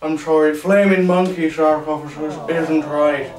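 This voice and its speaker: Man playing a high-voiced cheesy game show host. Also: steady tone, a little slow, a little mellow, close to an everyday voice. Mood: showy. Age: young adult. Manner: showy, rambling, catchphrase-heavy. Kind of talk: game show parody presenting. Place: small indoor room with makeshift set. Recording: echoey room, distant mic, music behind.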